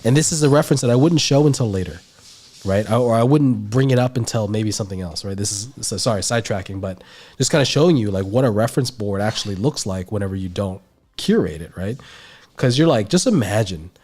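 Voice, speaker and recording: With a stuffy nose making him sound nasal, this man teaches art over a livestream in a lowish, darkish voice that's animated and fairly quick. He explains things in a rambling way, packed with fillers.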